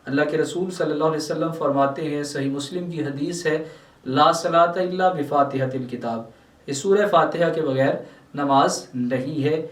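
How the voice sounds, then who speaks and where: A man's voice: on the high side, reverberant, recorded from a distance. A man with a Pakistani Urdu accent gives a religious lesson, reciting verses and explaining them word by word. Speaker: Islamic scholar teaching Quran translation.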